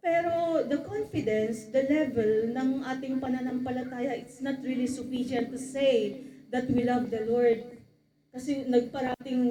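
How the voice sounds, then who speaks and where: A woman's voice: on the high side, mellow, roomy sound, poor audio. A woman preaching a sermon, mixing English and Filipino, calling for amens from the congregation and acting out quoted exchanges. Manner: acts out quoted exchanges in a raised voice.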